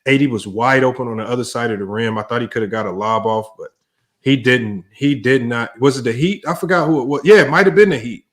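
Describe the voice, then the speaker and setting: A man's voice: medium pitch, quick pace, fairly bright tone. A man hosting a live sports debate podcast in casual chat, rambling, repeating words and tagging "man" onto his sentences. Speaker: podcast host.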